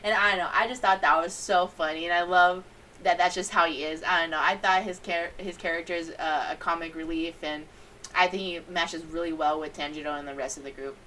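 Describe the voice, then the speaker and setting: A young adult woman giving a casual, rambling anime review, animated and giggly as she tells stories. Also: lowish voice, fairly quick, far from the mic, a little hiss or hum.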